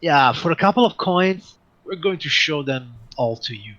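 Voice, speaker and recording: A man's voice: fairly high pitch, animated, normal speed, a bit bright, highs cut off. A man voicing a shady street thug leader who talks in a falsely friendly, mocking way, in a tabletop game.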